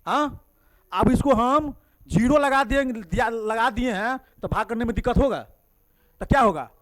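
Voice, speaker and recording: Lively high-voiced man teaching math. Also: moderate pace. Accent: Bihari Hindi. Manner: lively, coaxing questions to students. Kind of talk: classroom teaching. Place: classroom.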